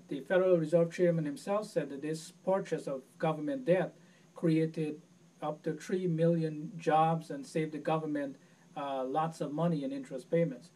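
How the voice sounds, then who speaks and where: A Guyanese man running for president answers interview questions earnestly and in a measured way, with small restarts. His voice is a little high with a dark tone, and the mic is distant, giving poor audio.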